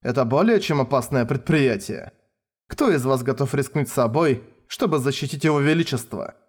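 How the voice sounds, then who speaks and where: A man voicing a cold, composed male colonel who speaks calmly and deliberately. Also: mid-range voice, natural voice. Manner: calm, icy, measured.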